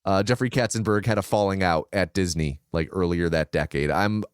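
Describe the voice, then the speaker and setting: A man with a low voice co-hosts a casual film podcast, speaking fairly quickly and smoothly as he shares researched behind-the-scenes trivia, often using fillers and restarting sentences. The recording is clean studio audio with no room sound.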